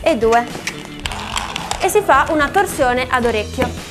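A woman's voice: high-pitched, lively intonation, unhurried. A woman explaining step by step how to make a balloon figure for children, in a friendly teaching manner. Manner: friendly, instructive. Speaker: balloon-craft instructor on a children's show. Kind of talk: step-by-step craft tutorial. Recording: music bed behind voice.

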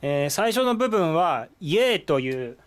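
In this whiteboard lesson, a man whose voice is a little high explains vocabulary at a measured pace. He teaches Korean in a lively, explanatory way, peppering his talk with many "eh" fillers.

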